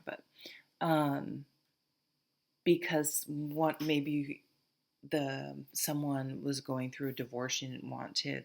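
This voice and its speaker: A woman with a Vermont accent reading tarot casually to camera, halting and rambling as she thinks aloud. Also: deep voice, gravelly, darkish tone. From Vermont, USA. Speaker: tarot reader, host.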